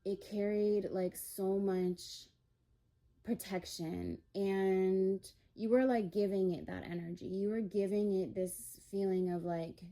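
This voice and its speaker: A woman's voice: medium pitch, fairly even intonation, takes it slowly, mellow. A young woman giving a spiritual tarot-style reading, rambling and emotional, with many fillers. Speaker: tarot reader.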